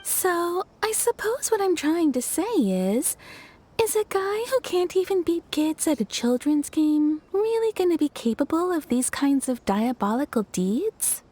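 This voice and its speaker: A woman's voice: high voice, big pitch swings, a little slow, mellow. A woman voicing a wry, level-headed townswoman in a video game, telling a story with dry amusement. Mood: amused.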